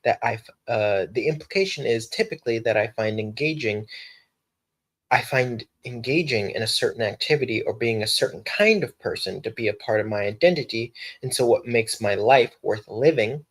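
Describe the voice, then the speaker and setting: A man's voice: medium pitch, moderate pace, husky. A young man on a casual live stream, reading a philosophy text aloud, stumbling over words, restarting lines and breaking off for slangy asides.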